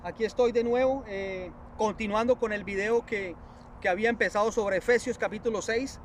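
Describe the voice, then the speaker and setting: A preacher telling a religious testimony in a halting, repetitive way, often addressing his listeners as brothers. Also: high-pitched, steady tone, slight background noise. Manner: earnest, repetitive, halting storytelling with many restarts.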